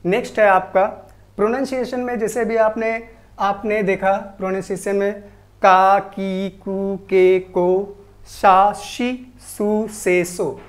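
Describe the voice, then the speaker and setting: A woman teaching a language lesson, reading syllables one by one in a slow, deliberate drill on borrowed words. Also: medium pitch, level tone. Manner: slow, deliberate, repeats each syllable clearly. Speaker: Japanese teacher.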